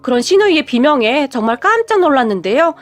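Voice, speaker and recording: A woman's voice: high voice, big pitch swings, fast talker. A woman narrating her own family story in a polite, scripted radio-story style.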